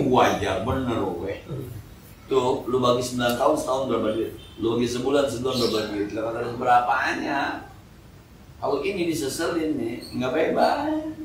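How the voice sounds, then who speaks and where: In an echoey mosque hall, with the mic far away, a middle-aged preacher speaks in a medium-pitched voice over slight background noise. He has a Betawi Jakarta accent and gives a slangy, humorous study-circle sermon in which he acts out scenes from daily life.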